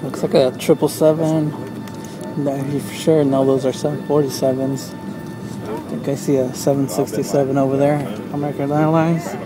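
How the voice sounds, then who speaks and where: A man's voice: medium pitch, flat delivery, normal speed, music in the background, low-quality recording. A man giving casual running commentary as a passenger filming from inside an airliner.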